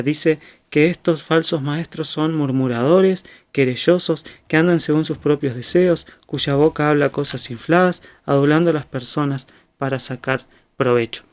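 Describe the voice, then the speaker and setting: A man with a Rioplatense Spanish accent giving an expository Bible teaching in a measured, methodical way. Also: on the high side. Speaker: preacher.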